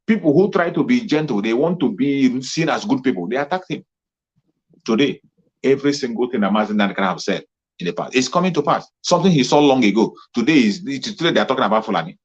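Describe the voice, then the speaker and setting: In a muffled lo-fi recording, a male political commentator rallies his listeners with a fervent monologue, repeating points for emphasis. He speaks in a mid-range voice with a breathy edge.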